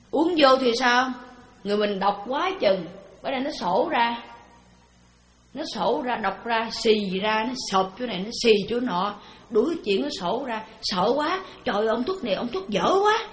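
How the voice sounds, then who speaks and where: A woman gives a Buddhist dharma talk. Her voice sits a little high, and she keeps it conversational, often asking her listeners questions. The room around her rings with noticeable echo. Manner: conversational, full of rhetorical questions. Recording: roomy echo.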